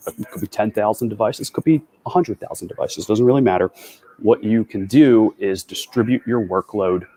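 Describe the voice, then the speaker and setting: A man with a fairly low voice gives a quick, upbeat tech presentation as a developer advocate. He talks in a chatty, conversational way. The sound comes through a video call microphone. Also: warm tone.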